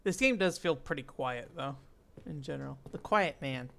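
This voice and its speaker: A man streaming a game, talking casually with relaxed asides to his viewers. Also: a little high, moderate pace, vocal fry. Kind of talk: casual gameplay commentary.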